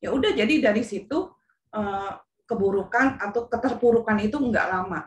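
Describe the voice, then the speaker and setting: A high-pitched woman tells her story in an earnest, heartfelt way. She speaks as a parent guest in a webinar, and her voice rings in an echoey room. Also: normal speed, distant mic, a little hiss or hum. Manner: earnest, heartfelt, animated retelling. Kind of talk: emotional personal storytelling in a webinar.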